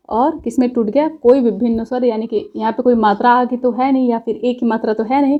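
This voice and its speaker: A woman's voice: on the high side, warm tone. A woman teaching a grammar lesson, explaining step by step and checking in often with the class.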